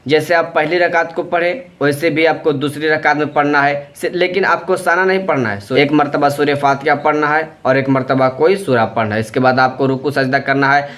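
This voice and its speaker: A man's voice: fairly high pitch, steady tone, moderate pace, few pauses, fairly bright tone. A man giving patient, step-by-step instructions for a prayer, going through each step plainly and repeating them. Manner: plain, patient, repetitive explaining. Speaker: religious teacher.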